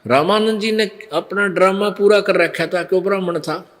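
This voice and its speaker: A man's voice: high voice, a bit bright. A man preaching a devotional sermon, telling a story and acting out what the figures say. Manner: slow storytelling that acts out the figures' lines.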